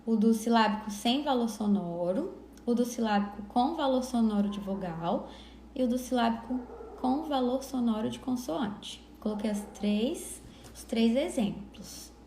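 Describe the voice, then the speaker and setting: A woman teaching literacy in a live online lesson, explaining patiently and sounding words out slowly syllable by syllable. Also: a little high, lively intonation, warm tone, a little hiss or hum. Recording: echoey room.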